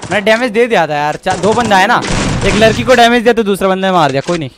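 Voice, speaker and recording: Man rattling off quick repeated game callouts. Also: lively intonation, background noise. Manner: rapid repeated callouts, often drops low and quiet. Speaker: gamer calling plays to his squad. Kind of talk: casual gaming voice chat. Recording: game gunfire in the background.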